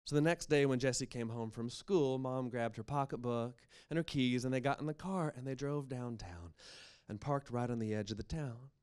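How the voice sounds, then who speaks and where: A man with an American accent telling a spooky story aloud, with deliberate, dramatic pacing and expressive emphasis. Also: medium pitch, clear, resonant tone. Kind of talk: live oral storytelling of a spooky tale.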